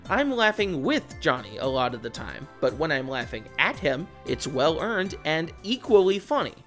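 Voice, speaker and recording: A video essayist reads scripted commentary sprinkled with casual, wry asides. The voice is medium-pitched, sing-song, a little bright, and moderately paced, with music playing in the background.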